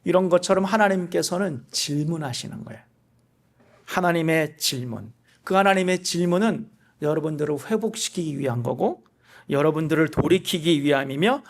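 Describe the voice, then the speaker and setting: A male pastor preaching a sermon in a conversational way, asking listeners rhetorical questions and acting out quoted speech. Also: vocal fry. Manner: voices quoted speech with shifts in pitch and loudness.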